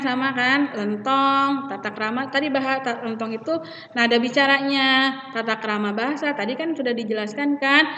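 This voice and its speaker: A woman teacher, explaining a lesson step by step and often pausing to hesitate. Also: fairly high pitch, a bit bright, a little hiss or hum. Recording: echoey hall, distant mic, dull sound.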